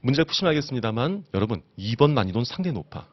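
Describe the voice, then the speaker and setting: A man's voice: mid-range voice, sing-song, racing, no room sound, dull audio. A man teaching an exam-prep lecture, constantly asking his students rhetorical questions. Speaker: instructor.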